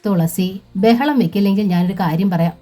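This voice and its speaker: A woman's voice: mid-range voice, moderate pace, warm tone, soft background music, close to an everyday voice. A woman voicing a helpful young man who speaks in an earnest, reassuring way in a storybook reading.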